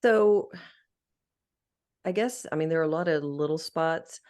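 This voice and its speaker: A middle-aged woman from Arkansas tells her life story as a guest in a podcast interview, earnest, heartfelt and candid. Her voice sits low, a little mellow, and her delivery is unhurried.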